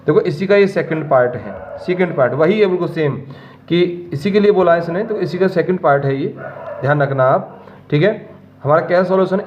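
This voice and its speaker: Guy teaching maths step by step, kinda high voice, muffled lo-fi sound. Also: a little hiss or hum. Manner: explains step by step, often checks in with students. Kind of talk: classroom maths lesson.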